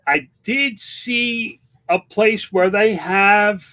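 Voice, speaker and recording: A man's voice: high voice, drawn-out words, pushed and bright. A man in his fifties chatting candidly on a livestream, rambling through restarts and fillers while answering viewer comments. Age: 50s. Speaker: online seller and livestream host. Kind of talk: casual livestream chat reading viewer comments.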